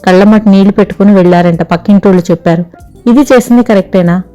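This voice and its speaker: A woman's voice: mid-range voice, fast talker, warm tone, muffled recording, faint music behind, close to an everyday voice. A woman voicing an aggrieved young tea-stall man. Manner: plain-spoken, aggrieved. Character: regretful young male tea-stall keeper.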